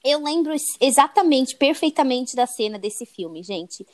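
A woman's voice: high-pitched, animated, measured pace, dry recording. A young Brazilian woman co-hosting a podcast, casually retelling a book chapter and tagging her sentences with "né?". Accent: Brazilian Portuguese. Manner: chatty, tags sentences with "né?". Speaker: podcast co-host.

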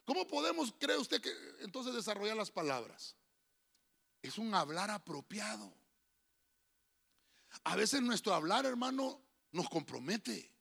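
A Honduran pastor preaching to his church in a high, bright voice with a gravelly edge. He keeps his congregation engaged with questions, and his pitch leaps around as he moves from loud calls to hushed whispers. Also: very animated, a little slow, long pauses. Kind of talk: lively sermon.

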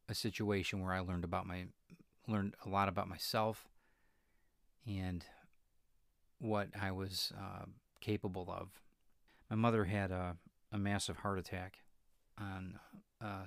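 A middle-aged man hosting a solo podcast, talking reflectively, pausing often with fillers and restarts. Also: sits low, vocal fry, dry recording, studio quality. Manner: halting, with many fillers and restarts. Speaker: podcast host.

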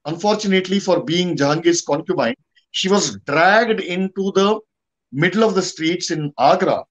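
Indian guy, pretty high voice, guest commentator chatting, stops and starts, repeats stuff for emphasis. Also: normal speed, rough recording. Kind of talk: conversational history and politics discussion.

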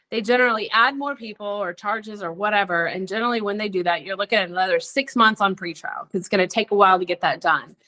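Frank, chatty woman with a bright voice. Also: mid-range voice. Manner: chatty, frank, full of "like" and quoted dialogue. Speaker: podcast guest. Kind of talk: candid personal storytelling.

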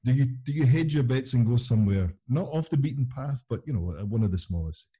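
A man's voice: medium pitch, animated, fast, mellow, breathy edge. A man hosting a casual interview, chatting informally with his guest. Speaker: podcast host.

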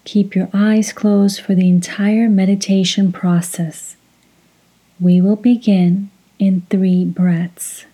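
A woman guides a meditation at a slow pace. Her voice is very dark and mellow, soft and breathy. She gives measured instructions and leaves long pauses between phrases. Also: medium pitch, little pitch movement, low-quality recording.

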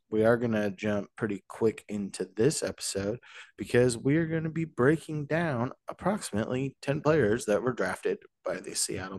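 Lively, joking sports podcast host man. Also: on the low side, no room sound. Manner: animated, joking, rambling asides. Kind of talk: casual sports podcast chat.

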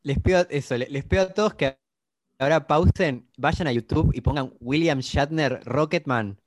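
A man with a Rioplatense Spanish accent, co-hosting a podcast in casual chat, animated and laughing as he tells stories. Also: on the high side, moderate pace, dry recording, studio quality. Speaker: podcast co-host.

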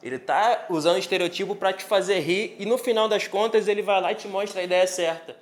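Um homem com sotaque brasileiro, convidado falando de forma animada e cheia de gíria numa conversa online. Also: male voice, high-pitched, fast talker. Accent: Brazilian. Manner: slangy, animated, emphatic. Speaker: TV show guest. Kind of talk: casual chat in an online audio room.

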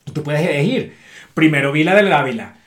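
A man's voice: on the high side, expressive, a little fast, fairly bright tone. A Venezuelan man co-hosting a podcast, telling travel stories in casual, slangy chat. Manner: slangy, storytelling, colloquial swearing. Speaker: podcast co-host.

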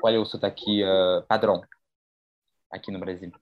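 A man leads a French conversation class in a lowish voice, explaining topics at length. He stops often to put questions to his students. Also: level tone, normal speed, phone-quality sound. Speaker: French teacher.

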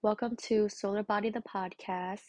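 A woman hosting a casual solo podcast, sounding stoned and scattered, with a husky, slightly breathy voice. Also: mid-range voice, steady tone, moderate pace, darkish tone, highs cut off. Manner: stoned, giggly and scattered, losing her thread. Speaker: podcast host.

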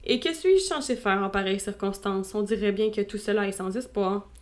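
A woman's voice: mid-range voice, a little fast, close to an everyday voice. A woman voicing a dry, detached older father in a storybook reading, placid and unbothered.

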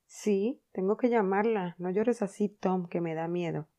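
A woman's voice: mid-range voice, a little slow, mellow, natural voice. Woman doing a frightened young boy. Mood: anxious. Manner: alarmed, urgent calling out.

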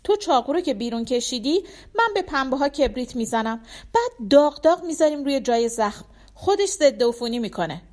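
A woman's voice: high-pitched, big pitch swings, darkish tone, pitched above the performer's own voice. A woman voicing a practical young woman giving urgent instructions while treating a wound, in an audiobook. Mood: instructing.

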